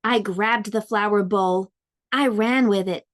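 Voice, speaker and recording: In a mid-range voice, a woman reads a children's storybook aloud the way a preschool teacher would, full of expression and deliberately stretched-out dramatic emphasis.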